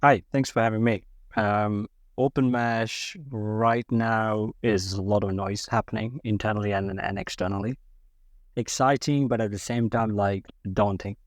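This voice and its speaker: A man's voice: on the low side, steady tone, measured pace, no room sound. A man from Sri Lanka who is a podcast guest, answering casually with many ums and restarts. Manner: hesitant, many fillers and restarts.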